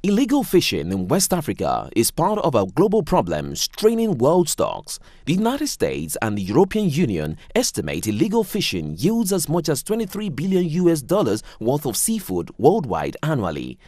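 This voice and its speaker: A man narrating a scripted news report, measured and even. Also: no echo, studio quality. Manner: measured reading with wide pitch swings.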